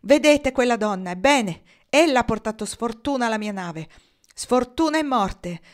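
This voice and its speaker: A woman reading an audiobook aloud, voicing a furious, vengeful male sea captain who shouts his accusations. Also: on the high side, expressive, normal speed, voice pushed up, lightly acted.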